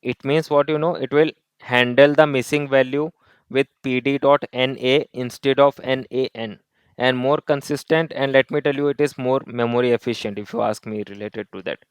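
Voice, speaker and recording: A man teaches a coding lesson over a screen recording. His voice is smooth and clear, recorded dry and close to the mic. He breaks each step down and repeats key points, mixing in Hindi tag words. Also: mid-range voice, fairly even intonation, normal speed, dry recording. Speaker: coding tutor.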